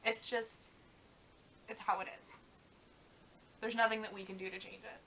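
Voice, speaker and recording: A young woman co-hosting a casual vlog chat, talking fast and loose with lots of fillers. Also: medium pitch, flat delivery, a bit bright, a little hiss or hum, poor audio. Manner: chatty, many "like" fillers, trails off. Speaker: vlog co-host.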